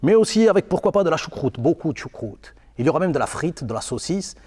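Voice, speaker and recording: A man's voice: a little high, big pitch swings, quick pace, darkish tone, breathy edge. A man doing a pompous beer ambassador with a fake German accent. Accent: put-on German-Belgian. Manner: formal, keeps adding "n'est-ce pas" and "voyez-vous". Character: pompous male Bavarian-Belgian beer festival ambassador. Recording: hall reverb.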